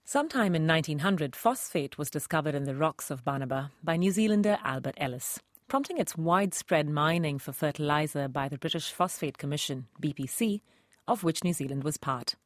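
Low-voiced woman narrating a radio documentary. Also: expressive, a little fast, no room sound, clean studio sound. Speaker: radio reporter and host.

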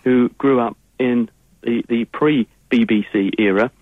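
Taking it slowly in a steady, medium-pitched tone, an English-accented man answers callers as a science guest on a radio phone-in. His explanations are long and fluent, and the audio has a tinny phone-line quality without echo.

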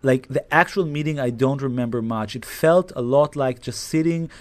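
A man's voice: mid-range voice, moderate pace, no room sound. A man from Israel, a journalist, recalling events in a chatty way full of fillers. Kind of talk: casual interview recollection.

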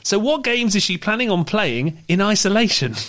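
A man's voice: high voice, very animated, normal speed, a bit bright. A man presenting news as a host in a conversational style.

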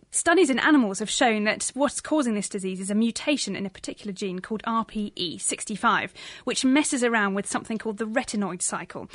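A woman's voice: medium pitch, no room sound, studio quality. A woman co-hosting a science show, explaining research news in an enthusiastic, semi-scripted presenting style.

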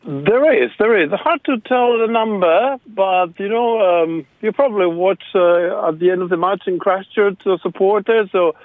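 A man from Argentina with an Argentine Spanish accent, a guest on a radio interview, speaking haltingly with many fillers and restarts. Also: high voice, no echo. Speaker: guest, local rugby supporter. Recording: phone line, dry.

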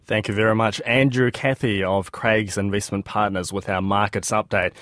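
A man's voice: fairly low pitch, steady tone, normal speed, a bit bright, no room sound, studio quality. A man with a New Zealand accent presenting business news in a scripted newsreading style. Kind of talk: scripted news reading with interview links.

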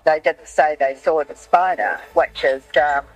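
A middle-aged woman heard on an old dictaphone recording made in a noisy cafe, recounting events in a halting way with many "uh"s and "um"s. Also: low-pitched, steady tone, no echo, faint music behind. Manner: hesitant, halting with frequent "uh" and "um". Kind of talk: recounting past events in an interview. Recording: lo-fi dictaphone tape.

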